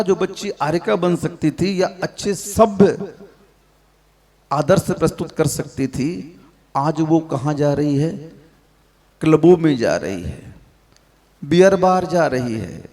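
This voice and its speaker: A man delivers a sermon in a fairly high voice, taking his time and scolding the crowd. He keeps firing rhetorical questions at his listeners. The sound rings out with the long reverb of a big hall. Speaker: Jain monk preacher.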